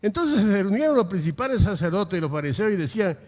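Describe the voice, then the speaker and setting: Pastor guy preaching, high voice that swings all over, keeps firing rhetorical questions. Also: very animated, quick pace, a little mellow, long reverb tail. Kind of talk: sermon.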